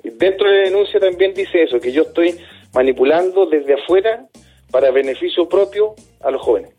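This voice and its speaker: Earnest man, husky mellow voice. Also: sits high, animated, faint music behind. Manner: earnest, halting, repeats words. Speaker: dismissed youth care worker, interviewee. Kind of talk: radio interview answers.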